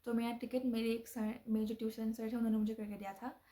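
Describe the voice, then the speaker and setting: Young woman, slightly high mellow voice, flat delivery, chatty storytime with fillers. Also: fast. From Assam, India. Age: young adult. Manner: chatty, frequent fillers and restarts, mixes in English phrases. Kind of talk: casual storytime monologue.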